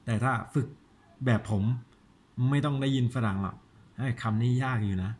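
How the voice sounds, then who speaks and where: A man, a father giving a casual home-video lesson on English pronunciation, chatting and slowing down to sound out words. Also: medium pitch, a little mellow.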